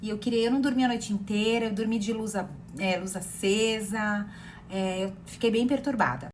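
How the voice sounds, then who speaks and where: A woman in her thirties with a Brazilian accent, a therapist telling a personal story in a rambling, animated way with many fillers and repeated words. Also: mid-range voice, normal speed, a little hiss or hum. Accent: Brazilian Portuguese. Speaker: therapist sharing personal experience.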